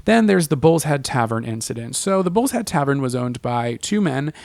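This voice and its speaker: A man's voice: medium pitch, sing-song, moderate pace, creaky, darkish tone, no room sound. Profane, rambling podcast storyteller man. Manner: profane, rambling, full of 'like' and 'uh'. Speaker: podcast co-host. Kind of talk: casual comedic history storytelling.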